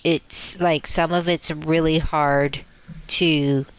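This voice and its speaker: Female co-host, low, clear voice, slow and hesitant in casual chat. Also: steady tone, highs cut off. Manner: unhurried, hesitant, filler-heavy. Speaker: podcast co-host.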